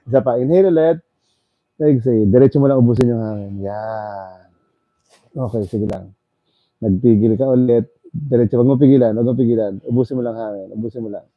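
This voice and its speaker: A man working as a bone setter, calmly coaching a client to relax, breathe in and breathe out. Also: mid-range voice, moderate pace, long pauses, no room sound, muffled recording. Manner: coaxing, repeats calm instructions. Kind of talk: guiding a client through a massage.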